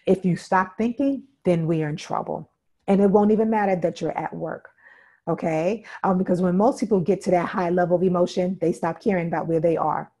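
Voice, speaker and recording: Brisk and warm, a woman with a fairly low voice runs an interactive workshop talk. Her delivery is emphatic and repetitive on key ideas, and she regularly checks in with the room by asking "okay?" and "right?"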